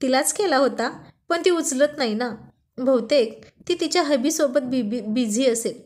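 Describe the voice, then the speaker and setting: A woman's voice: high-pitched, moderate pace, a little mellow, close to an everyday voice. A woman doing a teasing young husband. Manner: teasing, mock-scolding.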